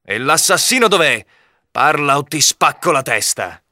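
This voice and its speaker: A man voicing a suspicious, hot-tempered nobleman in a storybook reading, who shouts and threatens. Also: medium pitch, expressive, moderate pace, dry recording, clean studio sound, natural voice. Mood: angry.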